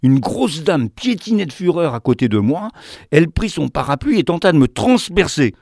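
A man narrates a strange fable in an animated, theatrical way. His voice sits a bit high and swings widely in pitch. The sound is close and dry, with no room around it. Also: normal speed, vocal fry, no echo. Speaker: storyteller. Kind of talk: expressive narration of a fantastic tale.

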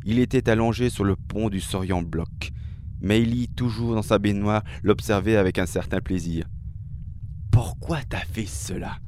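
A man reading a dramatic story aloud in a slow, measured, expressive way. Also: on the low side, a little hiss or hum. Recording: faint music behind.

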